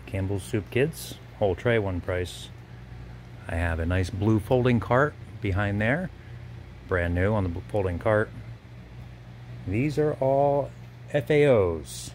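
A man's voice: on the low side, darkish tone, slight background noise. A man previewing auction lots in a gallery warehouse, listing items one by one in short bursts while filming on a phone. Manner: brisk item-by-item listing. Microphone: handheld phone camera.

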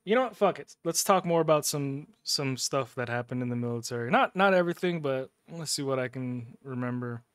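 A man's voice: medium pitch, animated, brisk, few pauses, no room sound. Rambling, chuckling male streamer. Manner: rambling, profane, chuckling storyteller; sips a drink between lines. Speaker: gaming streamer. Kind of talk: casual livestream storytelling.

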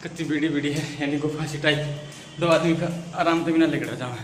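A man's voice: on the high side, fairly even intonation, fairly quick, a little hiss or hum. A young man, chatting casually as he walks through temple grounds, filming himself on a phone at arm's length. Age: young adult. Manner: chatty, calls viewers brother, narrates as he walks. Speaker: travel vlogger. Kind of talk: casual walking vlog. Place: temple grounds and stairwells, indoors and out. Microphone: phone held at arm's length.

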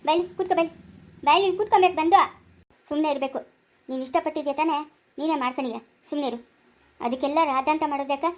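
A woman playing a calm elder sister who firmly soothes her crying sibling, speaking in a rural Karnataka Kannada accent in an amateur family drama. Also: high voice, quick pace, long pauses, lightly acted. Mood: soothing. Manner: coaxing, firm, repetitive.

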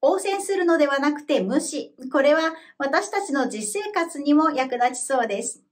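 Reading from a script, a woman with a high voice leads a language lesson, offering slow, deliberate model pronunciations for learners to repeat. Her delivery is steady and calm as she clearly explains every word, guiding students through the material.

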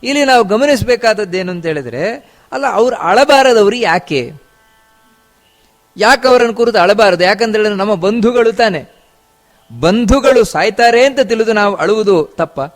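A man's voice: high-pitched, animated. A man giving a religious discourse on scripture, repeating phrases and asking rhetorical questions. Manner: chants verses slowly in song. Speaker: spiritual teacher.

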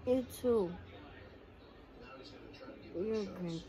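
A woman's voice: medium pitch, very slow, mellow. A woman filming a casual chat vlog, teasing and playful. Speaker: vlogger.

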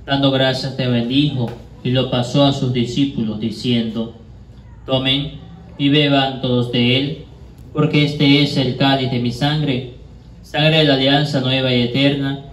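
Speaking into a handheld mic, a medium-pitched male priest delivers a Mass prayer as a solemn, measured recitation. The small bare room he's in makes the audio echoey and distant, and background noise can be heard.

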